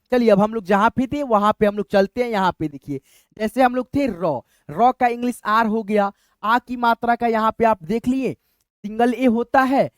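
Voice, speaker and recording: A man's voice: very high-pitched, dry recording. A man teaching a step-by-step lesson, repeating "friends" often as he talks the class through each point. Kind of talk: explanatory lesson.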